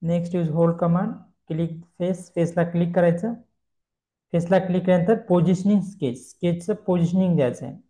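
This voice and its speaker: A man giving a screen-recorded software tutorial, explaining step by step and asking himself questions he then answers. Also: high-pitched, steady tone, fairly quick, low-quality recording. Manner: explains step by step, mixing English terms, repeats questions and answers them.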